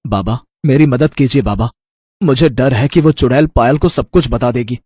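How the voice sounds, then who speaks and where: A man voicing a scheming husband who seeks immortality and speaks in a dismissive, secretive way, with a husky voice. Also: mid-range voice, moderate pace, dark tone, natural voice.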